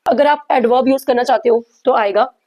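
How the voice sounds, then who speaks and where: Woman teaching grammar, mellow tone. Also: on the high side, muffled recording. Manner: slow, deliberate when reading English examples aloud; addresses viewers directly, asks them to answer. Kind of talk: explanatory grammar lesson.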